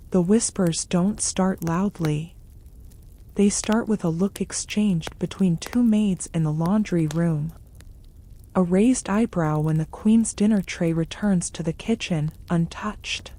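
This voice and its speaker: A woman reading a gentle scripted sleep story in a soft, soothing, hushed and measured manner. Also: on the low side. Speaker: narrator of sleep stories.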